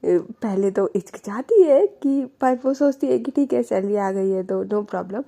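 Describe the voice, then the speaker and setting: A woman's voice: medium pitch, expressive, a little slow, gravelly, warm tone. A woman narrating a romance story in a chatty, casual way, dropping in English words and lots of "like". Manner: chatty, mixes English words, many fillers like "like".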